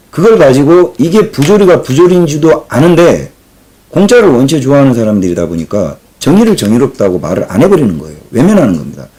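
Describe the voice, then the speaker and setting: A man from Jeolla in South Korea who hosts his own channel, reading out viewer comments and giving emphatic political commentary. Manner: opinionated, emphatic, lively pitch swings. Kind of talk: casual commentary.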